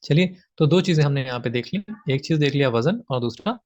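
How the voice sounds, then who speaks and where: A man's voice: a little high, lively intonation, brisk, a little mellow. A man teaching grammar from slides, patiently repeating his points with frequent fillers. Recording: slightly dull lo-fi audio.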